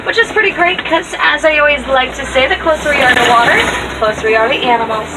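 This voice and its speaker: Picked up by a distant mic on a noisy open safari vehicle full of passengers, a woman guide delivers fast, upbeat live commentary as the ride moves outdoors. Her voice sits high.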